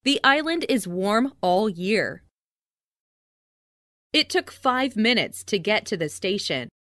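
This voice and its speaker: A woman reading simple English phrases slowly and carefully for learners, saying each one twice. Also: medium pitch, sing-song, bright, forceful tone, no echo, studio quality. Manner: careful, clearly enunciated, each sentence said twice.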